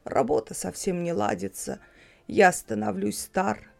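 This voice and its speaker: A woman's voice: mid-range voice, unhurried, creaky, a little mellow. A woman voicing a tired, subdued old male shoemaker. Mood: weary.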